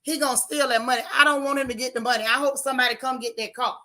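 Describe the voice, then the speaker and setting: Talking straight to her chat at a racing pace, a hoarse woman with a high-pitched voice shares lively, opinionated views on a TV show. She's a channel host doing a casual livestream review.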